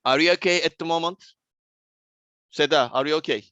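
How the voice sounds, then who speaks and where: A man with a Turkish accent lecturing to students in a halting way, repeating key terms as he explains. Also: fairly high pitch, bright, forceful tone, clear, resonant tone, dry recording, lo-fi sound. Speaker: civil engineering lecturer.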